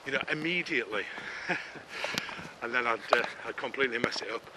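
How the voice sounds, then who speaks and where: A man's voice: mid-range voice, fairly quick. A middle-aged man narrating a casual walking vlog in a chatty, self-deprecating, rambling way, slightly out of breath, recorded on a camera mic. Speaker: vlogger. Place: outdoors on a woodland walk. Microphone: camera-mounted mic while walking. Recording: outdoor noise and clicking.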